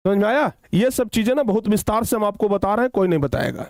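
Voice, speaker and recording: A man teaching children a grammar lesson, repeating phrases slowly for dictation and often checking whether they have understood. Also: sits high, lively intonation, darkish tone, no room sound, clean studio sound. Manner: slow, repetitive dictation, drawing out words; addresses students affectionately, checks understanding often.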